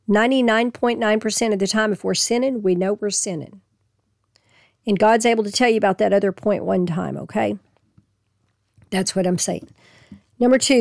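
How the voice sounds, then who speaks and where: A woman teaches the Bible in a gravelly, mid-range, slightly mellow voice, recorded clean in a studio with no echo, and she's losing her voice. Her folksy, casual teaching reads scripture slowly, then explains it plainly.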